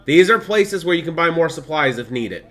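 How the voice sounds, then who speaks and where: A man in his thirties streams a game with casual commentary, his accent a blend of Midwestern, Southern and Californian. His voice is on the high side and animated at a normal speed, and he laughs often while reading on-screen text aloud.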